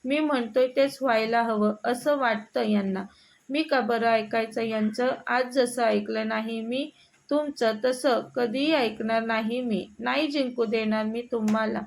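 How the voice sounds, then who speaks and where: A woman's voice: on the high side, fairly even intonation, unhurried, creaky. A woman reading as a defiant young wife. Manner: sharp, defiant. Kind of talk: storybook reading.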